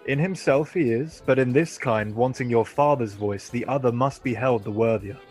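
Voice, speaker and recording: Guy as noble commanding duke in shakespeare radio play, stately, mid-pitched male voice. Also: darkish tone, soft background music, lightly acted. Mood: grave, advising. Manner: stately, measured, declamatory.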